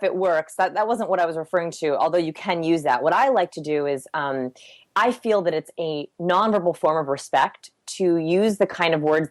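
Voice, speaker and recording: Fast-talking woman with a low voice. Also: no echo. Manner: fast, animated explaining. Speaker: guest, human behavior researcher. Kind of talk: podcast interview.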